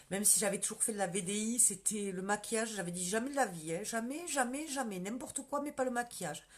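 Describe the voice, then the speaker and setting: Chatty woman with a southern French accent. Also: mid-range voice. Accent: southern French, countryside. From southern France. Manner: chatty, many fillers, greets commenters by name. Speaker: beauty sales consultant. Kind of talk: casual live stream talk to viewers.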